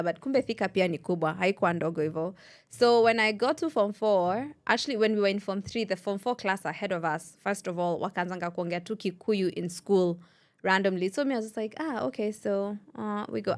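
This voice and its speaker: A Kenyan-accented woman hosts a relaxed radio chat at a mid-range pitch for a woman. She tells stories in a chatty way and acts out the people she quotes. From Nairobi, Kenya. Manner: chatty storytelling, acting out quotes. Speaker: radio host.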